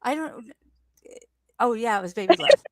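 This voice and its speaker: Woman, reluctant and laughing, lively, slightly high pitch, casual online chat. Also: moderate pace. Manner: reluctant, laughing, often trails off quietly. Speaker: panel member.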